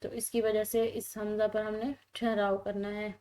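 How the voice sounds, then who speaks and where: A woman's voice: mid-range voice, flat delivery. Patient woman teaching Quran recitation. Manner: explains rules patiently, then recites slowly and loudly. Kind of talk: tajweed lesson with slow drawn-out recitation.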